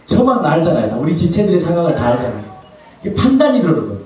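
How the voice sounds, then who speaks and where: A man's voice: wildly swooping pitch, very fast. Echoey preaching pastor, man. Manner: asks the congregation questions and answers them; swings between soft low asides and raised exclamations. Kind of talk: sermon. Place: church sanctuary. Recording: echoey, from far off the mic.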